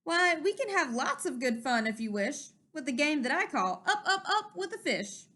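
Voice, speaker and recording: A woman's voice: sits high, big pitch swings, moderate pace, pushed and bright, exaggerated voice. A woman voicing a playful, boastful storybook cat with a showy, confident, coaxing manner.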